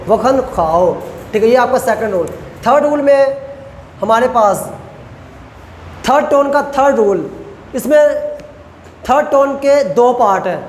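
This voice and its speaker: A man teaching a class, explaining rules step by step and slowly repeating example phrases. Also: extremely high pitch. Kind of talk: classroom lecture. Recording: echoey lecture hall with faint noise.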